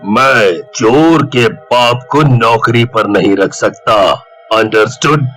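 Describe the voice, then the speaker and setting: A man's voice: mid-range voice, slow pace, fairly bright tone, soft background music. A man voicing a harsh, arrogant middle-aged boss who speaks with stern contempt, in a cartoon. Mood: contemptuous.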